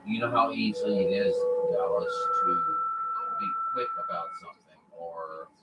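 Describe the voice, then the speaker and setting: A man's voice: fairly low pitch, huge pitch swings, normal speed, lo-fi sound, over loud music. A man from southern Missouri chatting casually as a ham radio operator, rambling with lots of "you know" fillers, heard through a mistuned sideband signal. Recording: noisy, echoey, distant radio reception.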